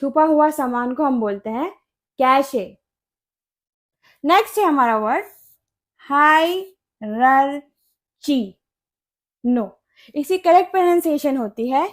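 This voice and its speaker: A woman from India teaching English pronunciation, repeating each word slowly and carefully for learners. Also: high voice. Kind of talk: pronunciation lesson.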